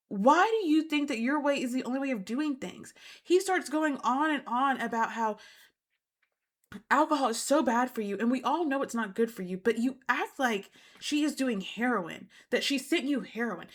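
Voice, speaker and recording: A woman with a slightly high voice hosts a reality TV recap. She talks indignantly and emphatically and often repeats her points to drive them home. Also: animated, moderate pace. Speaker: host.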